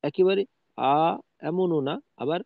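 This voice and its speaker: A man's voice: a little high, a little slow, vocal fry, dry recording. A man teaching Quran pronunciation in an online lesson, explaining patiently and demonstrating sounds. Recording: dry, tinny phone-like audio.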